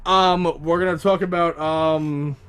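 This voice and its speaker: A man's voice: on the high side, steady tone, measured pace, a bit bright, clean tone. A young man co-hosting a casual podcast, teasing and laughing often as he talks with a friend. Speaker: podcast co-host. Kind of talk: casual chat. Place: home, on a call.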